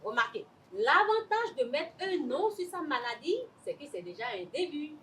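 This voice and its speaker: A dry, teasing woman, played by an actress, who meets every confession with a quick jab. Her voice is high and lively. She is heard from a distance, like a stage play picked up across a hall. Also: a little hiss or hum.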